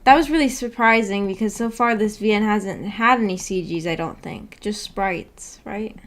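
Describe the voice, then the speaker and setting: At home in an upstairs room, a woman streamer hosts a book club chat, reading and answering viewer comments. She rambles and corrects herself as she goes, speaking at medium pitch and a moderate pace.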